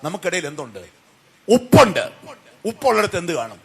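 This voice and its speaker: A male preacher giving a sermon, firing questions at the congregation and swinging from loud calls to soft, low answers. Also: big pitch swings, normal speed, vocal fry, husky. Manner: call-and-response questions to the congregation.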